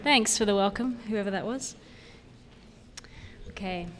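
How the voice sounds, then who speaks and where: This Sydney-born woman in her thirties, Australian-accented with a slight Canadian mix, addresses a recovery convention as a guest speaker. Her personal talk is informal, candid and gently humorous. She speaks unhurriedly in a mid-range voice, and the recording has a little hiss or hum.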